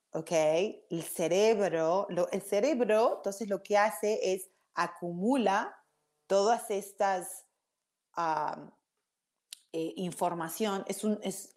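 A woman giving a lively explanatory talk, tagging her sentences with "ok?". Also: mid-range voice. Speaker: speaker teaching about emotions.

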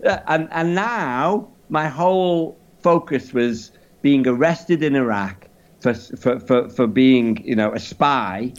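A man's voice: medium pitch, takes it slowly. Guy telling a wild travel story, stammers and restarts constantly, swears a lot, audio a bit muffled. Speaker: podcast guest. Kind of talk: animated storytelling.

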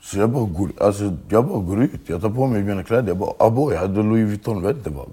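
A man's voice: fairly low pitch, expressive, mellow, slightly rough. A man, telling his story as a guest in a casual interview, swearing often and restarting his sentences. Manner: street slang, swears often, halting restarts.

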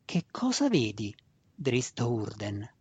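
Storybook role: man playing a cold young drow woman, slow and hushed, husky tone. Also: mid-range voice, wildly swooping pitch, dry recording, full character voice. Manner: quiet, slow, hushed questions. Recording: dull dry lo-fi recording.

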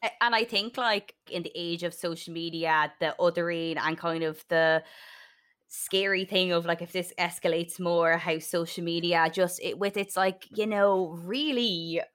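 A woman's voice: fairly low pitch, unhurried, a bit bright. A young woman with a west of Ireland accent, talking earnestly and a little hesitantly in a casual podcast discussion. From Sligo, west of Ireland. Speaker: podcast co-host.

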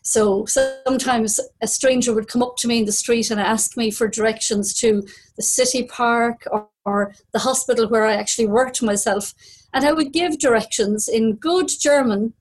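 A woman's voice: fairly high pitch, moderate pace, poor audio. Woman with a west of Ireland Kerry accent. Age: 50s. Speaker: storyteller at a storytelling event. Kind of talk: live personal storytelling.

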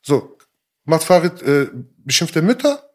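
A rapper guest in a casual interview speaks unhurriedly in a slightly high, sing-song voice. He's emphatic and full of street slang, repeating himself and regularly checking in with his listener.

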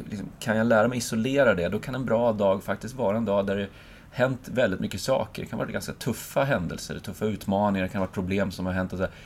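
Thoughtful low-voiced man musing aloud. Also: slight background noise. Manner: thoughtful, searching, acts out his own inner voice. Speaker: speaker and lecturer. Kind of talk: reflective conversation.

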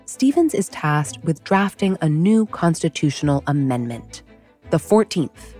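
Woman host, slightly low, mellow voice, wry scripted history narration over faint music. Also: expressive, measured pace. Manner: wry, conversational storytelling. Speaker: podcast host.

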